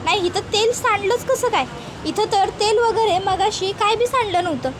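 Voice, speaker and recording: A woman's voice: very high-pitched, normal speed, noisy background, voice pushed up. A woman doing a puzzled young village bride. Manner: rustic dialect, bewildered questioning. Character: simple young daughter-in-law, puzzled and earnest.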